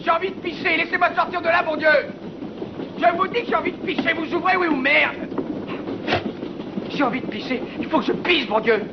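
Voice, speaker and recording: A man acting in a film drama as a desperate, defiant prisoner, pleading and cursing at his guards in shouts. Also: fairly quick, gravelly, long pauses. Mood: frantic, furious. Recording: muffled film audio, loud train rumble.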